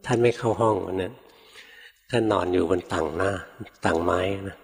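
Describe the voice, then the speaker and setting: An older male Buddhist monk with a lowish voice tells stories in a relaxed, homely sermon. He keeps tacking a gentle tag particle onto his phrases, and his voice rings out with a long reverb, as in a large hall. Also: moderate pace, gravelly. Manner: relaxed, folksy, peppers speech with a soft tag particle, acts out quoted voices. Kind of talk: storytelling sermon.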